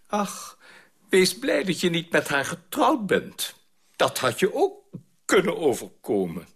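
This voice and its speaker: An actor playing a calm, wily institute director who answers in a measured, evasive way in a radio drama. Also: male voice, fairly high pitch, breathy edge, full character voice. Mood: cool.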